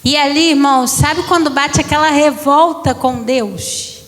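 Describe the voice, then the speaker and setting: A woman in her thirties, a pastor, gives an emotional church testimony to her congregation, addressing them as brothers. Her voice sits high with a fairly bright tone, her pace is measured, and the sound carries the echo of a big room.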